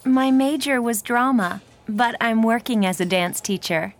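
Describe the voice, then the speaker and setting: A woman's voice: on the high side, measured pace. Chatty cheerful young woman, textbook dialogue style. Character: young woman, cheerful, talking about her hometown.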